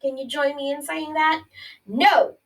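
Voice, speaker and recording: With a high voice, fairly even intonation, and a measured pace, a woman teacher reads a health lesson to young listeners, checking in with friendly "okay?" and "right?" while explaining and asking questions. She's recorded from a distance against a noisy background.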